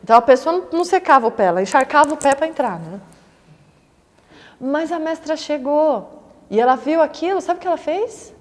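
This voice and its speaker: A Buddhist teacher, a woman, talks to her students in a loose, chatty way, checking in with them after nearly every sentence. Her voice sits a little high for a woman. The recording carries a long hall reverb. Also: animated, fairly quick. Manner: conversational, frequent tag questions, acts out quoted voices. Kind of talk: dharma talk.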